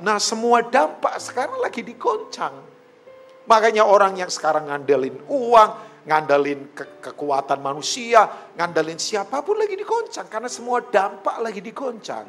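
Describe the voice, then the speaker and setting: High-voiced pastor preaching. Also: male voice. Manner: animated preaching, addresses congregation often, mixes in English phrases. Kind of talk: sermon.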